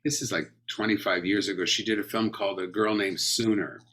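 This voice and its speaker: A man's voice: lowish voice, fairly even intonation, fairly quick, a bit bright. A man from Los Angeles, an actor guest in a casual interview, telling rambling, anecdotal stories full of tangents. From Los Angeles, California.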